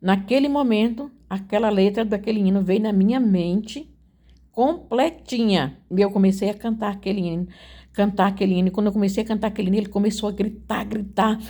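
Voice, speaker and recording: A woman's voice: mid-range voice, fairly quick, mellow. A woman giving an emotional religious testimony. She talks earnestly, repeats her phrases and keeps turning to her listeners. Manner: earnest, repetitive, addresses listeners as "gente".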